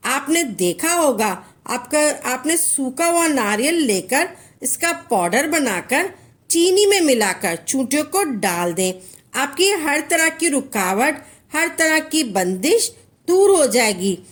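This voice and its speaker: Female religious instructor, high bright register, unhurried, repetitive step-by-step delivery with Arabic recitation. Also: very animated.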